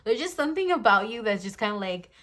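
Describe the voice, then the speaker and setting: A woman in her twenties gives a casual tarot reading to camera on her phone, chatty and blunt, swearing freely and laughing often. Her voice runs on the high side and fairly bright, fast, with big pitch swings.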